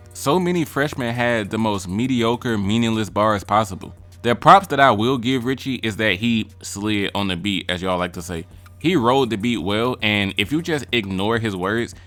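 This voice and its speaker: A man's voice: lowish voice, a bit bright. A man giving casual ranking commentary on rap verses, blunt, profane and mocking. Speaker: music reaction vlogger.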